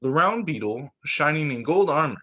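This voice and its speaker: His voice is on the high side and his speed normal as this male teacher reads storybooks to young children. The reading is expressive, with an occasional stumble and a re-read phrase.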